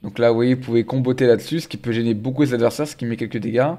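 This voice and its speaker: Young male streamer, casual game commentary, animated and teasing, mid-pitched voice. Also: rapid-fire. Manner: animated, exclaims often, teasing. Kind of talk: casual live gameplay commentary.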